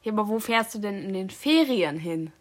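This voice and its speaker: A woman casually hosting a challenge, speaking deliberately to someone wearing headphones and repeating her questions and key words. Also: mid-range voice, lively intonation. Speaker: host.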